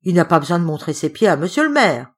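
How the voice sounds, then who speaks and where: A woman voicing a rough, boisterous male forest bandit who speaks in rustic dialect. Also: fairly low pitch, sing-song, fast.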